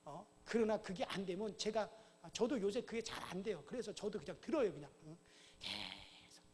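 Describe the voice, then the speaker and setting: A man preaching a sermon as pastor to his congregation in a church, often checking in with a quick "eh?" and rising into loud commands. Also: high voice, expressive, breathy edge. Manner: asks the congregation "어?" often, shouts commands at Satan. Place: church sanctuary. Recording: long church hall reverb.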